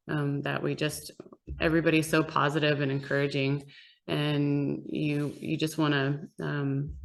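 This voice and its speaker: A woman guest in a casual roundtable chat, speaking candidly and filling pauses with many ums. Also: deep voice. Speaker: fitness club member guest. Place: fitness studio.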